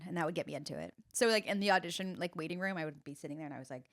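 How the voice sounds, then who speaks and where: A woman's voice: deep voice, very fast, a bit bright. A young woman, an actress, co-hosting a podcast and telling stories in casual chat, chatty and self-mocking.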